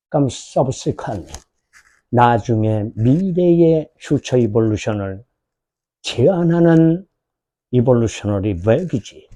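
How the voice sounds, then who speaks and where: A man with a Korean accent teaching English for an exam prep lecture, asking questions and drawing out English words slowly. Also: medium pitch, mellow.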